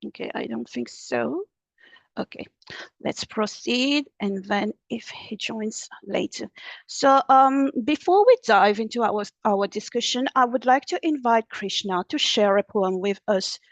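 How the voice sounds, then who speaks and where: A woman's voice: a little high, animated, measured pace, no room sound. A woman moderating an online panel in a polite, orderly manner.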